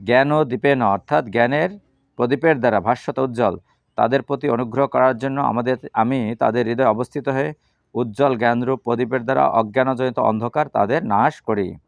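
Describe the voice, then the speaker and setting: A man's voice: mid-range voice, creaky, dry recording. A man teaching a class on the Gita, asking his listeners questions and answering them himself. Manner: leads slow chanting. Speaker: religious teacher.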